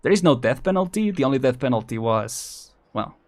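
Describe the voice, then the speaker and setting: A man with a mid-range, expressive voice hosts a livestream as a streamer and vtuber, talking fairly quickly. He chats casually and rambles, hesitating, repeating words and restarting as he thinks out loud.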